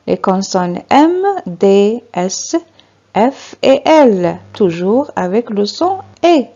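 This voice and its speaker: Very slow, lively woman teacher spelling syllables. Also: mid-range voice, vocal fry. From Algeria. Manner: spells out letters and syllables, repeats each word. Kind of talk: reading lesson for beginners. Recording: slightly dull lo-fi recording.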